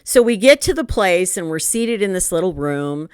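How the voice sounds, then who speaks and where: A woman's voice: fairly low pitch, lively intonation, moderate pace, smooth, dry recording, clean studio sound. A middle-aged woman telling a personal story in an earnest, conversational way, with frequent fillers and asides.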